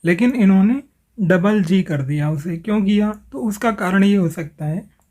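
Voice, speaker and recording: Mellow-voiced man explaining pronunciation. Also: high-pitched. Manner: careful, slows to spell out sounds. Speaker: language explainer. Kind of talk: explanatory tutorial, reading from screen.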